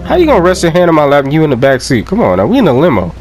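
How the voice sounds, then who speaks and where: A young man giving loud, profane, joking let's play commentary and laughing often. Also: a little high, wildly swooping pitch, very fast. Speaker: gameplay commentator.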